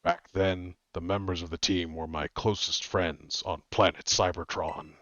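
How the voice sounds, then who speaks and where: A man voicing a secretive teenage girl boss who hides behind a deep voice-changer voice, speaking slowly and theatrically. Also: fairly even intonation, a bit bright, dry recording, dull audio. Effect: disguised deep voice-changer voice.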